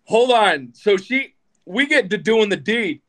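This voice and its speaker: A young man guesting on a podcast, telling crude stories in a self-mocking, animated way and swearing often. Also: sits high, unhurried. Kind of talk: casual crude storytelling.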